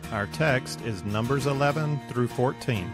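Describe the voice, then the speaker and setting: A man teaching a scripted Bible lesson in a measured way, slowing down to stress key words. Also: medium pitch, music in the background. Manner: measured, slows down for emphasis.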